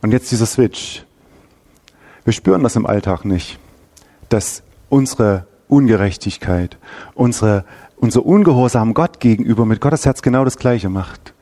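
Preacher guy giving a sermon, warm mellow voice, stacks up repeated phrases, fixes himself mid-sentence. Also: medium pitch, measured pace. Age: adult father. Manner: animated, repeats phrases for emphasis, self-correcting.

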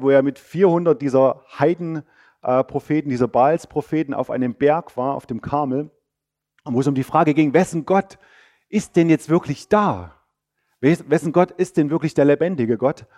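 Mellow-voiced man telling a sermon story. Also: a little high. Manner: lively storytelling, addresses listeners directly with casual asides. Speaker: preacher.

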